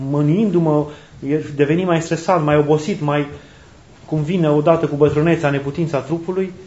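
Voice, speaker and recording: A man's voice: on the high side, darkish tone. A man, a priest, preaching an earnest sermon, repeating key phrases for emphasis. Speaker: Orthodox priest. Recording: roomy, dull lo-fi recording.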